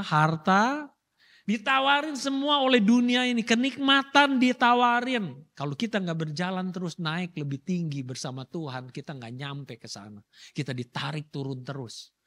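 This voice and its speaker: A middle-aged male pastor preaches in a strikingly high, bright voice. He keeps the sermon moving with rhetorical questions and short acted-out asides. His delivery is lively and conversational. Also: in a large hall.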